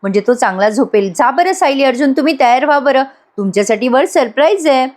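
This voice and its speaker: A woman voicing an affectionate, motherly middle-aged woman giving gentle instructions. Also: high voice, lively intonation, fast talker, voice pushed up.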